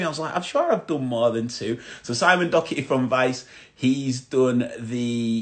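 A man with a Yorkshire accent hosting an informal live chat interview in a chatty, matey way. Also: medium pitch. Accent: Yorkshire English. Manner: chatty, familiar, matey terms of endearment. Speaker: host of an online chat series.

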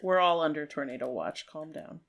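A man co-hosting a podcast, teasing his friends with wry deadpan asides in casual banter. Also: fairly high pitch, moderate pace, creaky. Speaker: podcast co-host.

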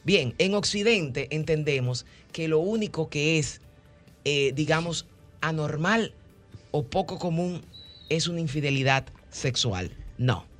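A woman hosting a radio talk show, explaining with animated role-played examples. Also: deep voice, a little slow, soft background music. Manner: animated, acts out callers' voices, teasing.

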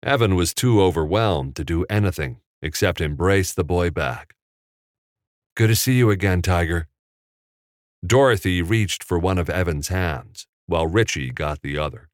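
A man narrating an audiobook in a measured, steady storytelling manner on a close studio mic. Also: deep voice, no echo.

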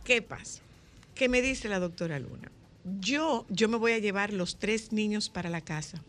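A woman with a Dominican accent, hosting a casual chat and telling lively stories, acting out the dialogue. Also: medium pitch, moderate pace, soft background music. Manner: lively storyteller, acts out dialogue.

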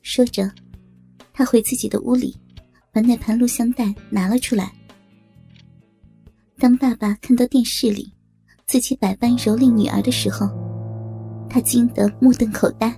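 A woman narrating a serialized story in a steady, dramatic storytelling manner. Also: fairly high pitch, normal speed, creaky, long pauses, faint music behind.

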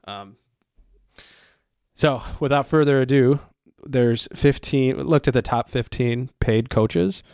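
A man's voice: mid-range voice, slow, darkish tone, dry recording, clean studio sound. A man co-hosting a casual sports podcast, rambling through coaching stats with lots of ums and restarts. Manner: rambling, stacks up stats with many fillers. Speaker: podcast co-host.

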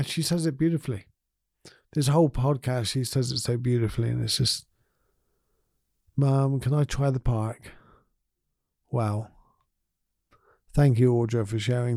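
Mellow, earnest male podcast host. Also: medium pitch, gravelly, dry recording, studio quality. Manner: earnest, gentle, encouraging. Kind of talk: reflective motivational podcast talk.

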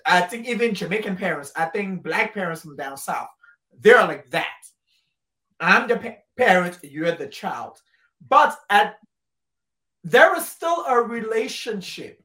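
A woman from Liberia talks casually and emphatically, repeating phrases for weight. Her pitch sits at a middle level for a woman, and the room adds a clear echo to her voice. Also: sing-song, a little slow, fairly bright tone. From Liberia, West Africa. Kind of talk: casual conversational discussion. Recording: roomy echo.

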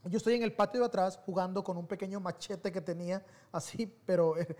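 A man giving a sermon as pastor, telling personal stories in an animated, conversational way that swings between soft and loud. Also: sits high, a little fast.

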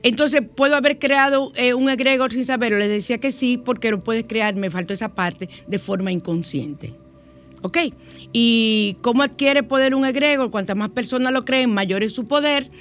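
A woman's voice: a little high, normal speed, a bit bright. A middle-aged woman hosting a spiritual self-help radio talk, speaking emphatically and repeating her key phrases. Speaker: radio host.

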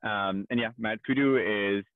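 Guest, male, French accent, measured talker; low voice, dead-dry, band-limited remote line. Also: no echo. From France. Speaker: guest, startup co-founder. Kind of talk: podcast interview. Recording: tinny phone-like remote line.

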